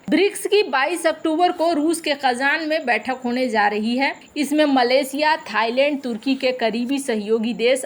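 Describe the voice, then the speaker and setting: A woman presenting a news bulletin and explaining the stories directly to viewers. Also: high voice. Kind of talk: news commentary.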